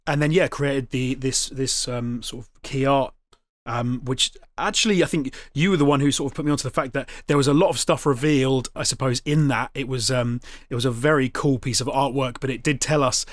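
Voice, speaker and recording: A man's voice: mid-range voice, fairly quick, dry recording. A young adult man co-hosting a casual gaming chat, talking hesitantly with lots of ums and restarts. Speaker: podcast co-host.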